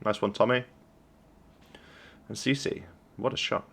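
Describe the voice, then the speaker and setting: Low-voiced coach reviewing a replay. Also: male voice, fairly even intonation, unhurried, gravelly, a bit bright, slight background noise. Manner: encouraging, conversational, praises plays. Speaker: esports coach. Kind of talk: video game replay review commentary.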